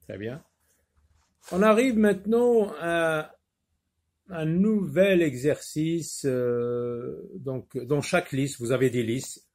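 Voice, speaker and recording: A man teaching a phonics lesson, repeating words slowly and patiently, sometimes explaining in Arabic. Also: a little high, a little mellow. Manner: switches briefly into Arabic to explain. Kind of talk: primary school phonics lesson.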